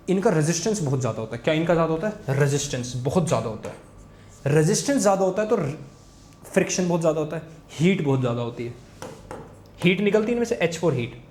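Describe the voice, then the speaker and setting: Young male tutor, rapid and insistent, bright pitch, recorded in an echoey room. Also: slight background noise. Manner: repetitive, urging students to pay attention. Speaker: physics teacher. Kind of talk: fast Hindi tutoring lesson with board writing. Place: room, recording a class video.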